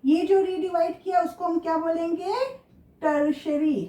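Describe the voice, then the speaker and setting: A biology teacher with an Indian accent gives a classroom lecture to school students, asking questions and repeating key terms. Her very high voice has a dark tone and stays steady at a measured pace, in an echoey room.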